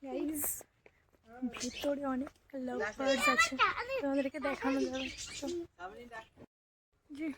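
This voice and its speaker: Woman, Bengali accent, casual walking vlog, high pitch, outdoors, faint noise. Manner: chatty, addresses viewers directly, drops to a hush at times. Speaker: vlogger. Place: outdoor park.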